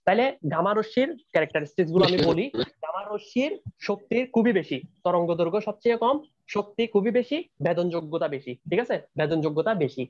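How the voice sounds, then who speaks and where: A man's voice: high-pitched, lively intonation, quick pace, a little mellow, muffled recording. A young man teaching a chemistry class online, repeating key points and often checking that his students are keeping up.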